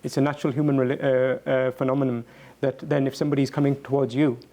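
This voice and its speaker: A man speaking reflectively as a guest answering questions, earnest and halting, often repeating words as he goes. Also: mid-range voice, level tone, warm tone.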